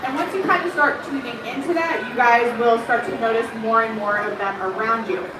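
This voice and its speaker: A bird conservation educator gives a public talk to a crowd in a room at an aquarium, chatty, full of ums, and asking the audience questions; she mentions having a loud voice. Her voice is on the high side, steady and fairly quick, recorded far from the mic in an echoey room with background noise.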